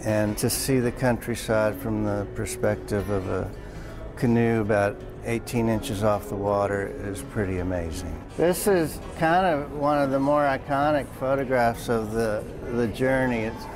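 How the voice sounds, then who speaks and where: Low-voiced older man, reflective. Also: measured pace. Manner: thoughtful, with restarts. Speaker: photographer. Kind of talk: reflective interview talk. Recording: interview with music bed behind.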